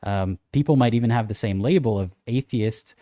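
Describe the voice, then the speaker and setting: A young man co-hosting a casual livestream chat, reading out viewer comments and answering them in a thoughtful, measured way. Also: on the low side, mellow, dry recording, studio quality.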